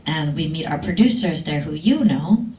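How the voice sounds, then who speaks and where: A film director, a woman, telling a lively, laughing story to an audience at a screening Q&A. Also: sits low, moderate pace. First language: Lao. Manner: lively, laughing, acts out quotes. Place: cinema hall. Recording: echoey hall, far from mic, faint noise.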